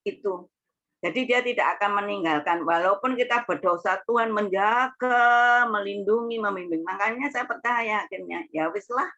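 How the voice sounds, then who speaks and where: A woman shares her personal faith in an earnest, rambling way. Her voice is bright and forceful. The recording sounds dull and lo-fi. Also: mid-range voice, normal speed. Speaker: speaker giving a personal faith testimony. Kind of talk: personal spiritual testimony.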